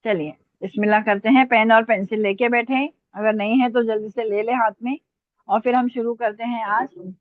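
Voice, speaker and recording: A woman teacher leads an online class, dictating short phrases slowly and spelling each word out letter by letter. Her voice comes through a narrow, phone-like line. The sound is dry, with no room echo. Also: fairly high pitch, steady tone. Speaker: Urdu teacher. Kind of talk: online language lesson dictation.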